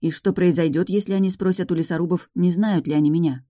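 A woman's voice: lowish voice, steady tone, quick pace, dark tone, no room sound, studio quality, close to an everyday voice. A woman voicing a blunt, practical young witch heroine in a matter-of-fact way. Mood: plain. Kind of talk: audiobook narration.

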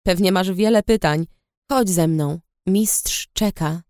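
A woman's voice: on the low side, slow pace, darkish tone, no room sound, studio quality. A woman voicing a young male palace guard, earnest and grim, in an audiobook reading.

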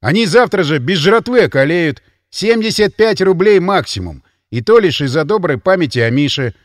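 A man voicing a hard-nosed mercenary who bargains in a blunt, forceful way. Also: fairly high pitch, sing-song, normal speed, no room sound, clean studio sound. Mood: bargaining.

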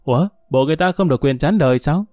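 A man voicing a bitter, drunk older woman who curses men in a coarse, slow, drawling grumble. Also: on the high side, dark tone, dry recording, studio quality, lightly acted. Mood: boastful.

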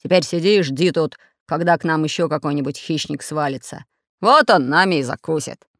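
A woman's voice: low voice, brisk, no echo, studio quality, pitched below the performer's own voice. A woman reading a storybook aloud and voicing an angry, red-bearded pirate captain who snarls and scolds. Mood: grumbling. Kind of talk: audiobook character voice.

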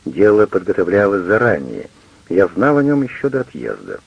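A man with a low, gravelly voice playing a stubborn, defensive cavalry captain arguing with his wife in an audiobook. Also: wildly swooping pitch, moderate pace, lo-fi sound, full character voice. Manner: sulky, then threatening.

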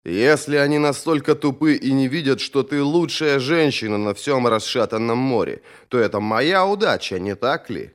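An earnest, awkward young warrior, read by a male narrator who speaks hesitantly and sheepishly. His voice sits at a middle pitch and moves in lively rises and falls. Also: moderate pace, hardly any pauses, natural voice. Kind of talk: audiobook character voice.

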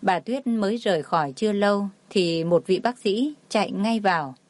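A woman tells a dramatic story in an even storytelling voice. Her voice sits at a middle pitch. It is recorded close and dry, with no room sound. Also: moderate pace, dry recording. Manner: reads all the figures herself, barely changing her voice. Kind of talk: scripted narration.

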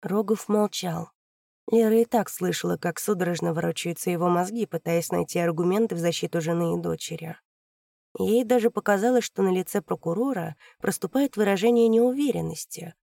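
A woman narrating a crime novel audiobook in an even, measured way. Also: lowish voice, creaky, no echo, studio quality.

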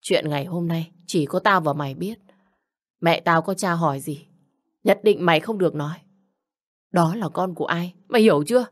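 A woman reading a storybook, voicing an angry, jealous young husband who shouts insults and accusations. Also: on the low side, moderate pace, natural voice. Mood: furious. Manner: shouting insults, coarse and bullying.

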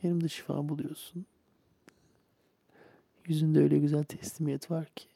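A man speaking softly and tenderly, as if lulling a partner to sleep in an intimate bedtime roleplay. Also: a little high, flat delivery, gravelly, husky, no room sound. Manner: soft, slow, tender, murmuring to a partner.

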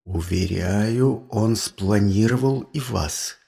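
A man doing a slow, muttering gloomy young man. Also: on the low side, gravelly, mellow, slightly rough, voice pushed down, full character voice. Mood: grave.

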